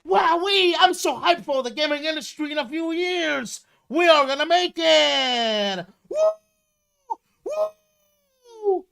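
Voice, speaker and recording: A giddy, naive gamer squeals in sarcastic glee, put on by a man. The voice jumps far above his own, bright and piercing, swooping wildly. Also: very high voice, takes it slowly, gravelly, voice pushed up, exaggerated voice. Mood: mock glee. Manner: mock-excited, squealing sarcasm. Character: giddy naive male gamer, overhyped and shrill.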